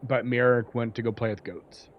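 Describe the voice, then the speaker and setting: A man works as game master, improvising the story of a tabletop game. His voice sits at a middle pitch, and he narrates in a halting, conversational manner. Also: fairly even intonation, muffled recording.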